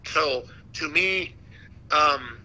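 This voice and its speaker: Guy talking shop casually, real bright punchy voice, kinda high, slangy storyteller. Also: very slow, low-quality recording. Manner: slangy, animated storytelling with repeated "man" and "dude". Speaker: boxing ring announcer, interview guest. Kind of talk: casual chat.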